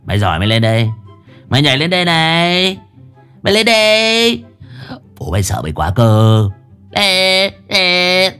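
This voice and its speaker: A man plays a jittery, cheeky young man from a told ghost story who stammers and jeers. His voice swings between low mumbles and high calls. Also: very animated, fast, slightly rough, soft background music, full character voice. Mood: taunting.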